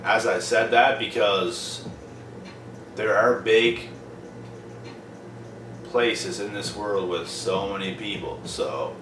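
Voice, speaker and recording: A man's voice: on the low side, slow pace, long pauses, fairly bright tone, recorded from a distance. A young man, ranting bluntly and profanely in a casual vlog, repeating himself for emphasis. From Prince Edward Island, Canada. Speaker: vlogger. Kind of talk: casual monologue to camera. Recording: roomy, off-mic, noisy background.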